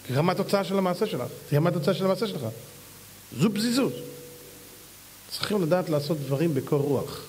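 A man preaching as a rabbi, emphatic and full of rhetorical questions. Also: husky. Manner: emphatic, mimics others in high voices, rhetorical questions. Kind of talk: sermon. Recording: long hall reverb.

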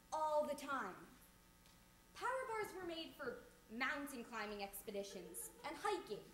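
A young woman in her late teens performing a memorized comic recitation on stage, with an animated, incredulous delivery. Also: high voice. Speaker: student performer. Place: school auditorium. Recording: echoey hall with background noise. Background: audience laughter.

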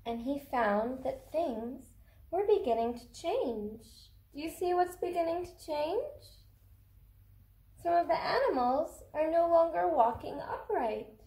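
Sitting in a small cardboard fort indoors, a woman in her thirties reads a picture book to young kids with lively expression, slowing down and asking them simple questions. Her voice sits high and mellow, echoing around the room.

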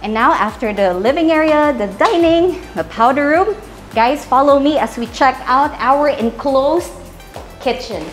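Upbeat high-voiced woman giving a house tour. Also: lively intonation, measured pace, soft background music. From Philippines. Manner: upbeat, salesy, addresses viewers as guys. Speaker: real estate tour host. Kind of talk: walking house tour presentation. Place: large empty townhouse interior, indoors. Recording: roomy echo from bare rooms.

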